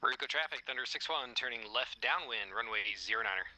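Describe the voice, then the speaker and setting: Guy playing chopper pilot, medium pitch, clipped procedural radio calls, clear vehicle noise and clicks behind him. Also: lively intonation, quick pace. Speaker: helicopter pilot player. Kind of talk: military aviation radio calls in a simulation game. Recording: clearly noisy vehicle background.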